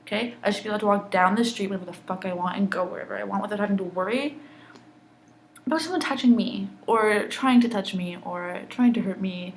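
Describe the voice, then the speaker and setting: A woman's voice: medium pitch, brisk, a little hiss or hum, low-quality recording. Angry, upset young woman ranting. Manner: angry, intense, heavy swearing. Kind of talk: emotional personal vlog rant.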